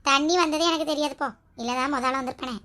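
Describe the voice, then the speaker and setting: A woman performing several village characters in a comedy skit, bantering and scolding quickly. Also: sits high, fairly even intonation, pushed and bright. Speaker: sketch performer.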